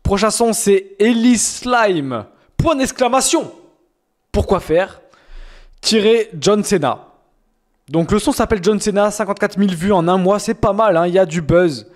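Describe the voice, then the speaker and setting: A man's voice: sits high, unhurried. A young man streaming, reacting to fan-sent rap songs in casual, slangy talk with mocking, exaggerated complaints.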